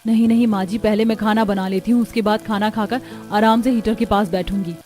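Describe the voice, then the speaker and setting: A woman voicing a modest young village bride in a narrated family story, speaking gently and politely. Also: medium pitch, fairly even intonation, fairly quick, faint music behind, natural voice. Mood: gentle.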